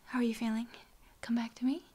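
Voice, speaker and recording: A woman in her twenties performs a whispered role-play as fast ASMR, speaking right up to the listener. Her whisper is brisk and repetitive, cycling through short trigger words with little melodic movement. The close recording carries clear hiss and small clicking sounds. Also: fairly high pitch, fairly even intonation. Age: 20s. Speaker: ASMR creator. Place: small indoor room.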